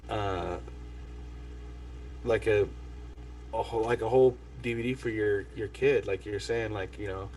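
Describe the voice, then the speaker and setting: An enthusiastic man chatting loosely on a video call, full of fillers. His voice is slightly low and sounds set back from the mic, with faint noise behind it. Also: a little mellow, far from the mic, rough recording. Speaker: record label host. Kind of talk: casual video call chat.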